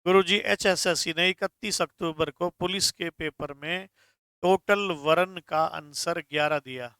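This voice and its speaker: A man's voice: a little high, a little slow, bright, forceful tone, smooth, no echo, clean studio sound. A man teaching a Hindi grammar class online, stressing key words and answering viewers' comments.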